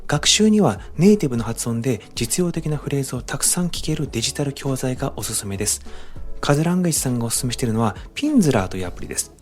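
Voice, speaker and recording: A man's voice: mid-range voice, big pitch swings, racing. A man giving a friendly, upbeat spoken summary of a book, talking straight to the viewer with tips and suggestions, over faint background music. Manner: upbeat, addresses viewers directly with recommendations. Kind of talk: friendly explanatory narration.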